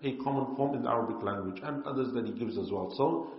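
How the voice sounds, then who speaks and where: Gravelly-voiced male teacher in a hall. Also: medium pitch, fast talker. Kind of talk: religious lecture. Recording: echoey hall, muffled.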